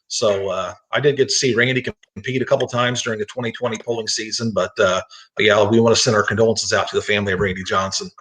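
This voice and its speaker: A man's voice: on the low side, fairly even intonation, fast talker, a bit bright, poor audio. American man hosting a casual talk show. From East Central Illinois, United States. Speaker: host and tractor pull announcer.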